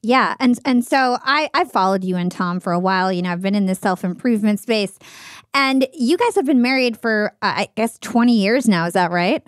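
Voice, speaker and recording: A woman's voice: medium pitch, lively intonation, moderate pace, dry recording, studio quality. A woman from New Jersey hosting a podcast, introducing her guest and asking methodical, researched questions. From New Jersey, United States. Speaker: podcast host. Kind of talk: scripted intro and interview questions.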